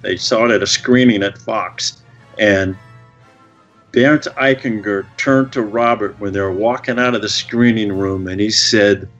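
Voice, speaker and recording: A man guesting on a podcast, telling stories in an animated way and swearing freely. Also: lowish voice, muffled recording. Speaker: film director guest. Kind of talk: podcast interview.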